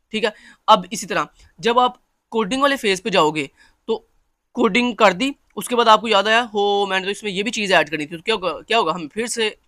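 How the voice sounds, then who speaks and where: Pakistani male lecturer, high bright voice, repetitive friendly explaining. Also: no echo, clean studio sound. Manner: repeats points, addresses listeners as friends.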